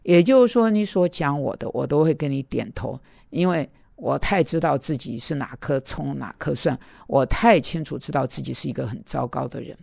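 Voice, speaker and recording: A man's voice: fairly high pitch, animated, normal speed, vocal fry, few pauses, darkish tone, no room sound, studio quality. A man preaching in an earnest, self-critical way, telling personal stories and talking straight to his listeners.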